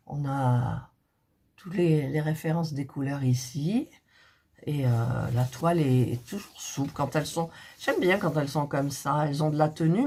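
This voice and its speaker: A middle-aged woman, hoarse and recovering from a cough, chatting softly and thinking aloud as she unboxes cross-stitch kits. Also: deep voice. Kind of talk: casual unboxing chat.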